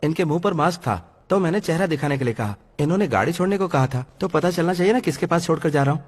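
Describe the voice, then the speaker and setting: A man's voice: a little high, lively intonation, fast talker, darkish tone. A man dubbing an earnest young hero who pleads and explains himself in a Hindi film.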